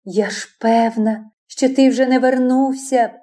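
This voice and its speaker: A woman's voice: a little high, steady tone, a little slow, mellow, natural voice. A woman reading the part of a passionate young woman who turns from imperious to pleading, in an audiobook.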